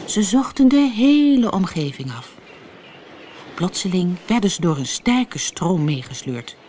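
A woman narrating a children's storybook in a lively, expressive reading. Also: on the low side, unhurried, slight background noise.

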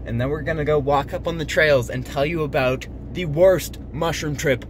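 A young man tells a rambling, swearing story in a casual vlog. His voice is still rough and croaky from just waking up. It was recorded on a phone in a car outside, with steady car and street noise behind him. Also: on the high side, normal speed. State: rough morning voice. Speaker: vlogger. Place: car parked outdoors on a frosty morning.

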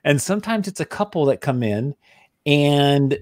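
A man's voice: fairly high pitch, lively intonation, moderate pace, a little mellow, no room sound, clean studio sound. A man hosting a casual livestream chat over a video call, talking with enthusiasm and acting out his own thoughts. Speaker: host.

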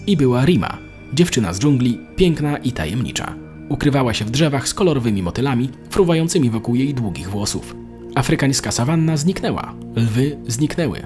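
A man narrating an animated story in a steady, measured manner. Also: medium pitch. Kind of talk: scripted narration.

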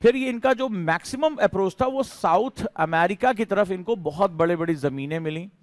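A man's voice: high-pitched, expressive, moderate pace, dry recording. A man teaching a history class in a conversational lecture style, asking his students questions as he explains.

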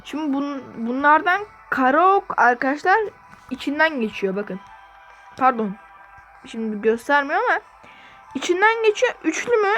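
A woman hosting her gaming channel, commenting on gameplay in an excitable way and repeating phrases over and over. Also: sits high, normal speed, faint music behind.

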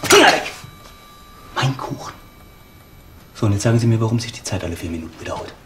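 An exasperated, agitated man in a naturalistic film drama. His pitch swings widely as he pleads impatiently, with clear background noise in an indoor room. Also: very animated, fast, fairly bright tone. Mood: irritated. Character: frantic, exasperated jobless man caught in a repeating time loop. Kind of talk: naturalistic short-film acting.

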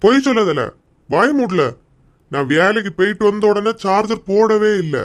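A strict, threatening father from a cartoon comedy, as an actor voices him, speaking with a Kanyakumari Tamil accent. He lectures and warns in a mid-pitched voice. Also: moderate pace, close to an everyday voice. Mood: stern scolding. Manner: scolding, threatening, then gently coaxing. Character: stern middle-aged father scolding his daughters.

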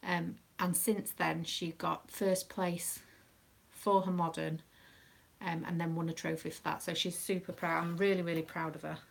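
Here the British craft streamer speaks at a normal speed, her gravelly voice fairly low and flat. A proud mother and dance mum, she chats casually on her live stream, wandering off track and saying um a lot.

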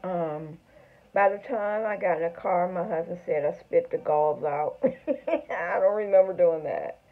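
A middle-aged woman talks toothlessly in a casual, halting video diary. Her voice sits on the low side and moves very slowly. The sound is tinny and phone-like, captured in a room at home. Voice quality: toothless speech, front teeth missing. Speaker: vlogger. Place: small home room, indoors.

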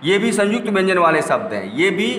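A man's voice: high voice, very animated, fairly bright tone. Man teacher going thru letters one by one, echoey classroom, bit of faint background hum. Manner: spells out letters slowly one by one; explains and asks rhetorical questions. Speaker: school teacher. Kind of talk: classroom grammar lesson.

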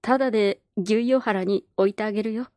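A woman voicing a kindly, gruff old Parisian man who talks bluntly in a storybook reading. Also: medium pitch, a little fast, darkish tone, no echo, clean studio sound, lightly acted. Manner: gruff, blunt, folksy speech.

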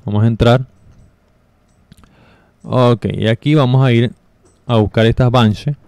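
A man giving casual step-by-step commentary over a game walkthrough, relaxed and explaining with fillers. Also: mid-range voice, a little slow, creaky, clean tone, dry recording. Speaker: gameplay guide narrator.

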